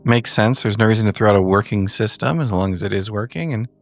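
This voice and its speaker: A man's voice: on the low side, fast talker, vocal fry. A man playing a tabletop game, talking in character in a matter-of-fact, conversational way. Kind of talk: conversational in-character role-play.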